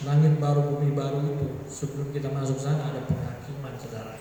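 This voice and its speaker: A man's voice: medium pitch, flat delivery, quick pace, warm tone, slight background noise. A man preaching a sermon as pastor, talking casually with laughing asides to the congregation and acting out quoted voices. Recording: echoey church hall from far off.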